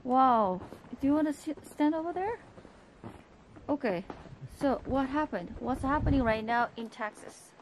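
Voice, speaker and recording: A woman with a Korean accent talks excitedly to her phone camera outdoors in the snow. She exclaims often and keeps firing questions. Her voice sits a bit high, with faint background noise. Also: unhurried, rough recording. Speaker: vlogger and English teacher. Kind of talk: casual vlog chat. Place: outdoors in a snowy backyard.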